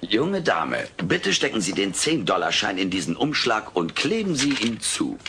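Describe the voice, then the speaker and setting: In a comedic radio play, a man with a lowish voice plays a cheeky furry alien, an amateur magician who brags in showy, pompous patter. His pitch swings widely at a normal speed, and the mood is boastful and showy. It comes from a noisy old cassette transfer.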